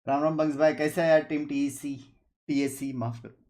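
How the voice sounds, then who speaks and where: A man's voice: on the high side, fairly even intonation, moderate pace, darkish tone. Joking Indian man chatting on stream. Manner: chatty and joking, mixes English into Hindi. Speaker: streamer hosting a watch party. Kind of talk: casual live-stream chat with viewers.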